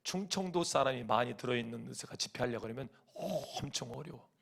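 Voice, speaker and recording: Gravelly, animated male pastor. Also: medium pitch, quick pace. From Chungcheong, Korea. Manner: animated storytelling, mimics voices and hums folk song lines. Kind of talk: sermon. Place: church sanctuary.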